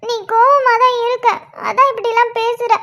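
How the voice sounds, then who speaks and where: Amirtha, a squeaky tipsy wife. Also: little pitch movement, normal speed, sharp tone, exaggerated voice. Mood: clingy. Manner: pleading, childish, teasing. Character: tipsy young wife, clingy and whiny.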